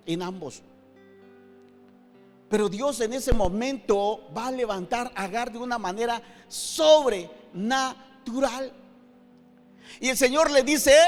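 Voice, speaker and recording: A middle-aged man preaching a sermon as pastor, emphatic, swinging between loud and hushed with many rhetorical questions. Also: high-pitched. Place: church hall. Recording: long hall reverb with faint guitar.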